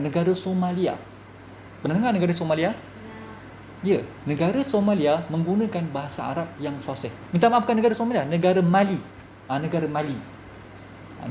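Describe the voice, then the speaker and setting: A man with a Malaysian Malay accent, a religious teacher giving a classroom lecture, lively and full of rhetorical questions to his students. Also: high-pitched, a little hiss or hum.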